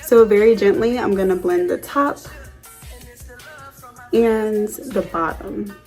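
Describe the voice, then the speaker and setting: A young woman chatting casually through a makeup tutorial, telling animated stories in slang with plenty of swearing. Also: medium pitch, slow, soft background music. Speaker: beauty vlogger.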